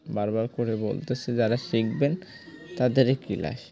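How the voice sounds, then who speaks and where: A man who teaches cartoon animation walks viewers through a drawing one step at a time in a screen-recorded lesson, repeating himself and making sure they keep up. His voice is medium-pitched and dark with vocal fry, delivered at normal speed with fairly even intonation. He speaks directly to viewers in a coaxing, repetitive way.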